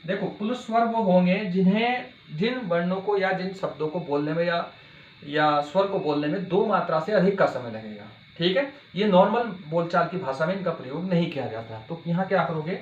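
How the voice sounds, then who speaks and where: A male teacher giving an exam-prep grammar lesson, asking his students questions and repeating key words slowly. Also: high-pitched, animated. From India. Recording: dull, echoey room with faint hiss.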